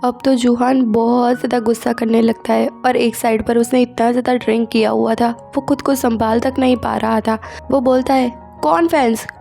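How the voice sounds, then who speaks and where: A woman casually retelling a comic story in a chatty, expressive way. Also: a little high, moderate pace, creaky, few pauses, soft background music.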